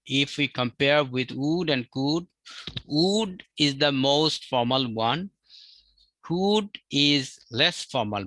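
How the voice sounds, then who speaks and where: A man's voice: on the high side, sharp tone, no room sound, rough recording. A man teaching a live spoken-class, drilling words by repeating and spelling them out. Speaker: English teacher.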